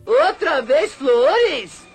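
A woman's voice: high-pitched, big pitch swings, very slow, over music, heavily acted. An actress voicing an exasperated young woman in a dubbed film scene, complaining in a whiny, theatrical, laughing way.

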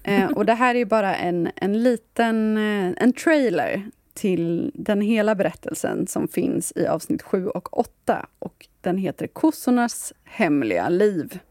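A woman with a Stockholm accent hosting a podcast, chatting casually and reading aloud with a playful deadpan. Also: medium pitch, hardly any pauses, no echo, clean studio sound. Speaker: podcast host.

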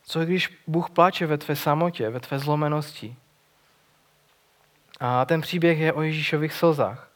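A man's voice: a little high, pauses often. A man preaching a sermon, retelling a gospel story in an earnest, conversational way with frequent restarts.

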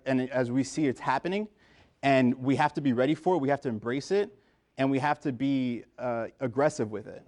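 A man's voice: mid-range voice, darkish tone. Man, 30s, from the US, pharmacist guest speaker, informal and chatty with a room of students, plenty of fillers. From United States. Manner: informal, many fillers and restarts. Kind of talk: casual talk to students. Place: lecture room.

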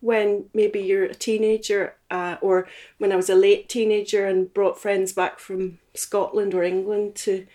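A woman from Belfast, Northern Ireland, in her late forties, reminisces casually as an interview guest indoors in a house, sounding thoughtful and slightly hesitant. Her Northern Irish accent accompanies a dark, medium-pitched voice with little pitch movement and an unhurried pace.

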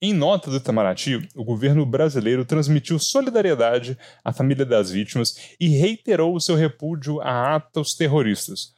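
A man co-hosting a news podcast, reading scripted news with relaxed, chatty asides to listeners. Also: mid-range voice, moderate pace, few pauses, no echo, studio quality.

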